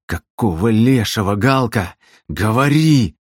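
A grim fighter snarls his demands in a low, gruff voice, as a male storybook narrator plays him. The delivery is hard and clipped, recorded dry and close. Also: animated, a little slow, dry recording, heavily acted. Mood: angry.

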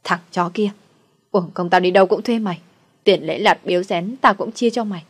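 A woman voicing a cruel older village mother-in-law who wails and curses loudly. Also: lowish voice, brisk, husky, no echo. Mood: furious cursing. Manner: wailing and cursing.

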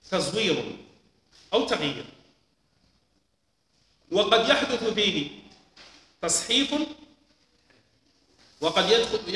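High, bright-voiced male teacher lecturing. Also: a little hiss or hum. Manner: slow, deliberate explaining with repetitions. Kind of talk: lecture on hadith transmission. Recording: echoey hall with long reverb.

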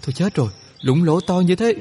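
A man voicing a young male soldier, excitable and panicky, who speaks in loud, fast, alarmed outbursts. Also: mid-range voice, husky. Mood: distressed.

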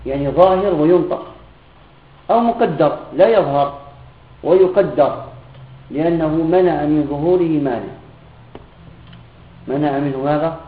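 Man teaching grammar in an echoey room. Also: fairly high pitch. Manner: keeps checking students' understanding with questions; repeats example phrases slowly. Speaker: Islamic teacher. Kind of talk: classroom grammar lesson. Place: room with students present. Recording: echoey, tinny lo-fi recording.

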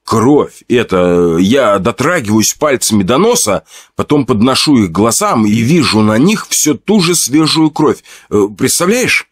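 A man's voice: medium pitch, sing-song, measured pace, dry recording, clean studio sound. Man narrating a horror tale, chatty. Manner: conversational, with fillers and asides to the listener. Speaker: storyteller. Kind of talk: first-person horror story narration.

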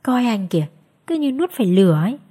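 A woman voicing an affectionate middle-aged wife in a spoken story. She talks gently and teasingly. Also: on the high side, big pitch swings, fast talker, husky.

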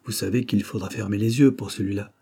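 A sly young countess in a spoken story, soft and understated, as a male reader gives her lines. The tone stays low, dark and husky, close to the narrator's own. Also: fairly even intonation, fast.

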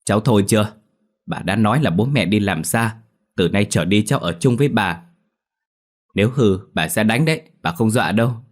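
A man's voice: low voice, moderate pace, a little mellow. A man voicing a stern grandmother who soothes and scolds her grandchild in a ghost story. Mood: scolding. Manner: scolding, firm.

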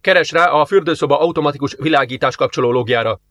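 A man's voice: a little high, fairly bright tone, no echo, close to an everyday voice. A man playing a male deputy commander who gives terse, commanding orders. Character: eager male deputy commander investigating a murder.

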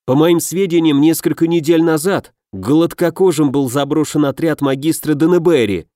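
A man voicing a frightened, scheming dog-headed junior mystic who pleads in a hurried, raised voice. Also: on the high side, warm tone, dry recording, clean studio sound, voice pushed up, natural voice. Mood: pleading.

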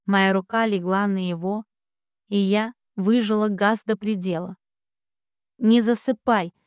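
Smooth-voiced woman narrating a novel. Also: mid-range voice, fairly even intonation, unhurried, no room sound, clean studio sound. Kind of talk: first-person audiobook reading of a romance novel.

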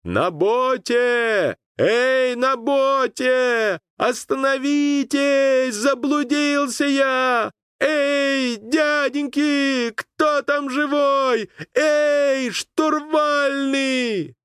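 A man voicing a young boy lost on a riverbank, calling out high and drawn out. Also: animated, unhurried, fairly bright tone, no room sound, studio quality, heavily acted. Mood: desperate shouting.

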